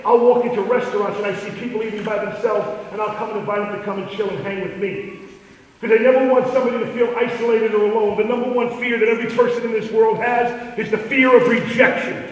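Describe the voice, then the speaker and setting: A man in his fifties telling an earnest story as a motivational speaker at a school assembly, his voice dropping quiet to make a point. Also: very high voice. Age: 50s. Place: large school hall. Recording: echoey hall recorded from far off.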